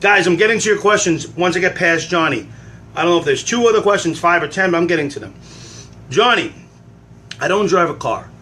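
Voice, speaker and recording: Bright-voiced man chatting on a phone livestream. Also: high-pitched, expressive, brisk, slight background noise. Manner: chatty, rambling, self-deprecating. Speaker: livestream host answering fan questions. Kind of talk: casual rambling livestream chat. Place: at home cooking eggs.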